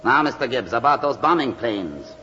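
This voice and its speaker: A man's voice: medium pitch, lively intonation, normal speed, natural voice. A man playing a menacing Nazi naval lieutenant with a German accent, questioning with mock patience in a 1940s radio drama style. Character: menacing Nazi U-boat lieutenant interrogating a prisoner. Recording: muffled, reverberant, noisy old radio recording.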